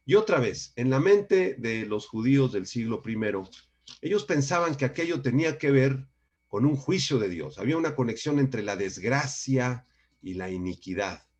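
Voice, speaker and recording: A man's voice: mid-range voice, lively intonation, normal speed, darkish tone, muffled recording. Man, pastor giving a Bible lesson, emphatic, repeats for emphasis. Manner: emphatic, repeats key words, addresses listeners as brothers. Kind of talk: Bible study teaching.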